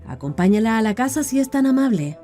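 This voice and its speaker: A woman narrator with a Latin American Spanish accent voicing a brisk, courteous plantation manager calling over a worker. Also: on the high side, big pitch swings, dark tone, soft background music, pitched above the performer's own voice.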